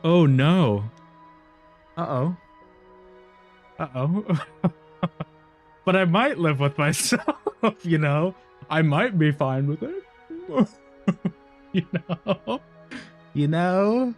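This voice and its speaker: Guy streaming a game, talks slow and laid back, mutters to himself, lots of laughing, keeps going no no no when it goes wrong. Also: on the high side, lively intonation, soft background music. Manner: talks to himself, laughs often, repeats words in frustration. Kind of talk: casual live gameplay commentary.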